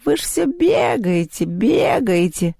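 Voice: mid-range voice, sing-song, slow, vocal fry, warm tone, no room sound, studio quality, pitched above the performer's own voice, full character voice. A storyteller voicing a lazy, sly male talking cat who drawls mocking remarks in a children's audiobook.

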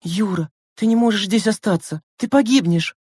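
A man reading an audiobook who voices an anxious, pleading teenage girl in a high, emotional voice. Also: normal speed, darkish tone, husky, no echo, studio quality. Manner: high-pitched, emotional, insistent.

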